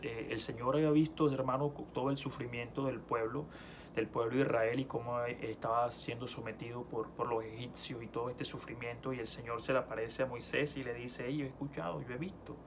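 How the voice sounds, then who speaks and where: A man preaching a sermon in a conversational way, with frequent restarts, growing loud when he reads scripture aloud. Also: medium pitch, a little hiss or hum.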